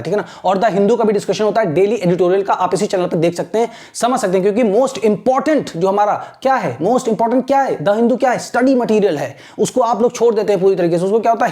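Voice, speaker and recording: A woman teaching an exam-prep lesson, switching between quick Hindi and slow, deliberate English and often checking in with "ठीक है ना?". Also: medium pitch, mellow. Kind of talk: lecture mixing Hindi and English.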